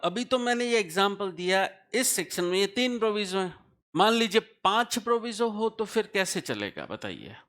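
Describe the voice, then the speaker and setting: A man's voice: high voice, fairly bright tone. A man teaching a tax law class, explaining step by step and often asking his students questions to check they follow. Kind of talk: classroom lecture.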